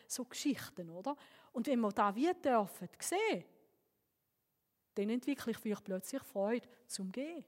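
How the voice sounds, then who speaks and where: A woman pastor with a Swiss German accent delivers a sermon, weaving in personal stories. Her voice sits a little high and she speaks earnestly, with lively lifts of emphasis. Her words carry a long reverb from a church hall.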